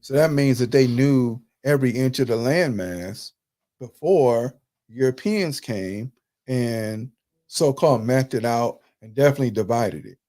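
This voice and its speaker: A man's voice: medium pitch, unhurried, warm tone. A man hosting a live talk, lecturing over slides in a conversational, emphatic way, with speech. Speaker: host.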